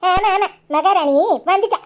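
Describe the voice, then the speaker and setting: A woman's voice: high voice, big pitch swings, fairly quick, a little mellow. A woman with a Kanyakumari Tamil accent voicing a quarrelsome young village wife in a cartoon, scolding and sarcastic. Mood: angry. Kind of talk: cartoon voice acting.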